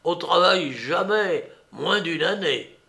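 A man voicing a stern, disfigured male recluse with a muffled, hoarse voice, read as an audiobook character. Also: on the high side, expressive, slow pace, pushed and bright, voice pushed up, full character voice. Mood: commanding. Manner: curt, commanding pronouncements.

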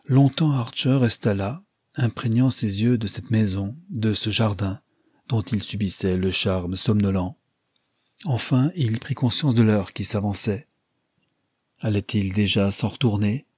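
A man narrating an audiobook in a calm, measured reading. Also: fairly low pitch, husky, no room sound, clean studio sound.

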